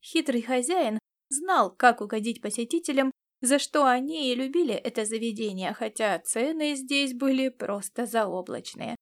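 A woman narrating a science fiction adventure audiobook in a lively storytelling manner. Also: fairly high pitch, moderate pace.

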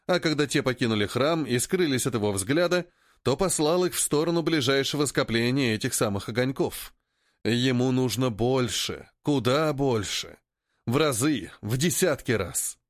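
A man reading an audiobook with dramatic narration, slowing down on emphasized phrases. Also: medium pitch, no echo, clean studio sound. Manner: slows down for drawn-out dramatic phrases. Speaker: audiobook reader.

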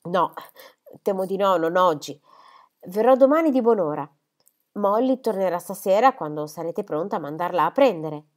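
A woman voicing a calm middle-aged male country doctor who speaks in a measured, reasoning way. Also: lowish voice, natural voice.

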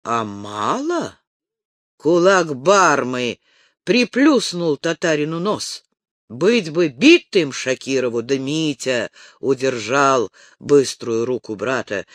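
A man reading an audiobook slowly and expressively. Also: mid-range voice, no room sound. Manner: slow, expressive. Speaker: narrator.

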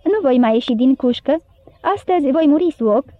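A hoarse, dying beast-man forces out each word with effort, as a woman reads him aloud. The recording is dry and narrow, like a phone line. The voice sits high. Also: expressive, no echo. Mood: weary. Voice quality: hoarse, labored.

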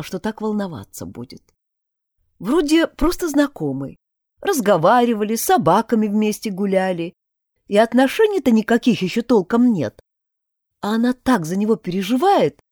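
A woman narrating a children's story audiobook with expressive storytelling. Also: mid-range voice, normal speed, no echo, clean studio sound.

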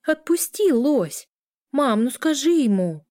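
A woman voicing a cheeky, quick-tempered teenage girl who answers back indignantly. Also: sing-song, dark tone, no room sound, clean studio sound, exaggerated voice. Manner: shrill, indignant teasing.

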